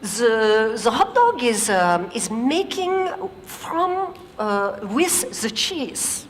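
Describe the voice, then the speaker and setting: A woman's voice: a little high, big pitch swings, slight background noise, heavily acted. A woman quoting a male engineer who halts and restarts while groping for words, in a reverberant hall. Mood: struggling. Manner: halting, full of uh and restarts.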